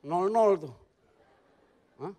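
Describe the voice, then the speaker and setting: A male pastor preaching a humorous sermon in a church, moving between loud excited bursts and quiet asides. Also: sits high, very slow.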